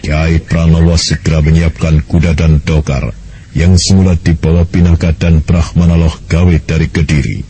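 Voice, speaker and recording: A man narrating a radio drama in a calm, measured storytelling voice. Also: low voice, slightly rough.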